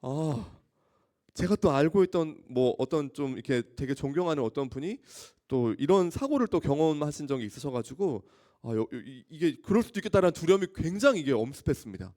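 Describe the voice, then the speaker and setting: Male youth pastor, sermon, lively swooping pitch, animated storytelling, questions to the audience. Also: fairly quick. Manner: acts out scenes with loud exclamations. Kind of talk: sermon to high school students.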